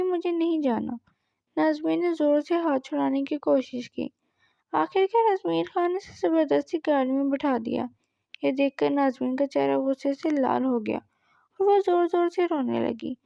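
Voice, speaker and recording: A woman narrates a romantic novel in an even, scripted storytelling read. Her voice is high and mellow with a gravelly edge. The recording is dry and slightly dull. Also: no room sound.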